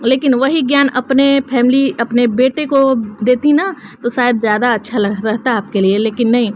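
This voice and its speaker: A woman with a somewhat high voice talks through a reaction video in a loose, chatty way. She scolds as she goes and often stalls on fillers and restarts. A faint hiss of noise sits under her voice. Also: steady tone, normal speed. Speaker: reaction vlogger. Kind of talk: casual critical commentary.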